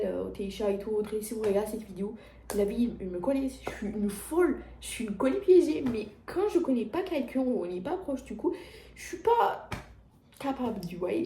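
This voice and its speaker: A woman's voice: a little high, warm tone, roomy sound, slight background noise. A teenage girl with a French accent, talking casually to her viewers in a rambling confessional vlog at home, full of restarts and fillers. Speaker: vlogger. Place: at home, indoors.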